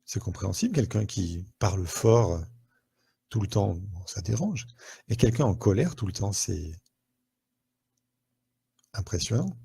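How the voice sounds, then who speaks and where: Gravelly low-voiced French man hosting live. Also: animated, measured pace, long pauses, dark tone. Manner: conversational, asks viewers questions, uses many fillers. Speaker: therapist hosting a live online show. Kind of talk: live-stream talk to viewers. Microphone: headset.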